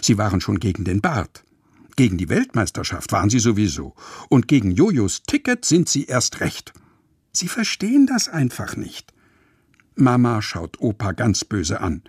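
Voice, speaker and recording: A man reading a children's story aloud in an expressive, playful way. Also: fairly low pitch, normal speed, husky, dry recording, clean studio sound. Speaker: narrator.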